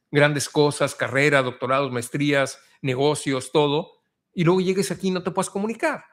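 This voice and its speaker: A middle-aged man with a somewhat raised voice, chatting casually as an immigration consultant who reads out viewer comments. He talks with passion, piling up emphatic lists that repeat the same phrase again and again. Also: on the high side. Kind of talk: casual livestream chat reading viewer comments.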